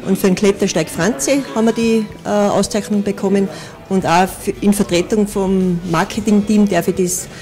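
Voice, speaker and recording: A woman's voice: medium pitch, fairly even intonation, moderate pace, mellow. A middle-aged woman, a marketing head speaking in a pleased, slightly hesitant way in an interview at an event, handheld mic. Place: indoor event hall.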